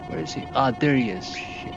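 A man's voice: mid-range voice, brisk, vocal fry, music in the background. A man giving live commentary while flying a jet in a VR flight game, tense and swearing under pressure. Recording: muffled lo-fi with steady noise.

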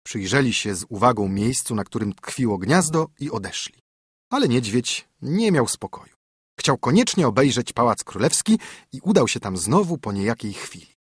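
An audiobook narrator with a husky, expressive, mid-range voice tells a scripted fairy tale at normal speed. The recording is dry and studio quality.

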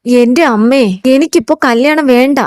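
A weary young man brushes off his mother's marriage plans with exasperation, as a woman narrator reads him. Her voice stays fairly high and dry, with no room sound. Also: moderate pace, a little mellow, dry recording, lightly acted. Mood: exasperated.

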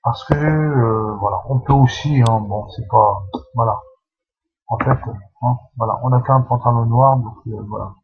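A man's voice: medium pitch, unhurried, breathy edge, narrow, tinny audio. A man casually talking through a game tutorial, hesitant and full of fillers and restarts. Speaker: channel host explaining a game.

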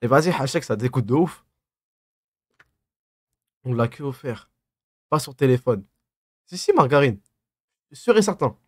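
A man's voice: mid-range voice, sing-song, a little slow, pauses often, dry recording. Young man with a lisp, dry close sound. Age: 20s. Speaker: live streamer. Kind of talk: casual livestream chat, reading and answering viewer comments. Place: small dim room at a desk.

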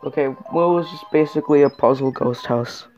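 A woman's voice: low-pitched, fairly quick, a little mellow. A woman gaming YouTuber giving let's-play commentary, easily exasperated and groaning at the game. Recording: dull lo-fi recording with game music. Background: video game music.

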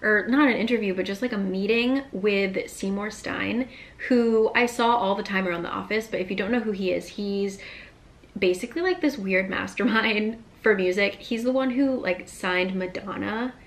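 A woman's voice: medium pitch, normal speed. Chatty young woman vlogging at home. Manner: chatty, many "like" fillers, animated hand gestures. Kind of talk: casual storytelling to camera. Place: small apartment room, indoors.

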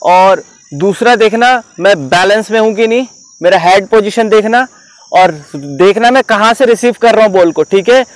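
A man with a fairly high voice coaches students outdoors on how to take catches. He explains each step patiently and keeps checking that they have understood. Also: normal speed, no echo, rough recording. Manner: instructive, repeatedly checks understanding. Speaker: cricket coach.

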